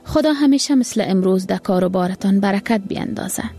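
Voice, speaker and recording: A woman's voice: medium pitch, lively intonation, warm tone, soft background music. A woman doing a fretful mother. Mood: anxious. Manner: pleading, exclaiming. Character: worried, loving Afghan mother and wife.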